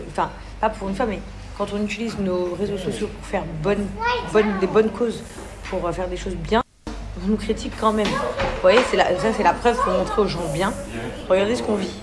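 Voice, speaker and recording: A woman recording a rambling, indignant phone video at a doctor's office, full of hesitations. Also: medium pitch. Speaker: social media personality. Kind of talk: selfie video message. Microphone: phone camera. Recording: loud background noise.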